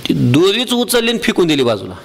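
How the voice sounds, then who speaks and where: A man preaches a devotional sermon in a high, ringing voice. He keeps putting questions to his listeners and answering them himself, and he slows down to chant verses. The sound trails off in a long hall reverb. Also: sing-song, gravelly, noisy background. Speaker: Varkari preacher.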